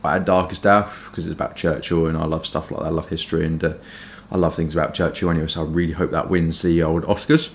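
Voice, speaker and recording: A man from Kent with a southern English accent, chatting informally and hesitantly in a rambling casual review, with stop-start pauses. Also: rumbling low, little pitch movement, a little hiss or hum. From Kent, England. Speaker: pipe tobacco reviewer.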